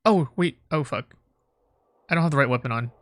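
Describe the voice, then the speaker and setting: A man's voice: on the high side, a bit bright, no echo, clean studio sound. A man livestreaming a game, chatting casually, swearing and musing aloud about his choices.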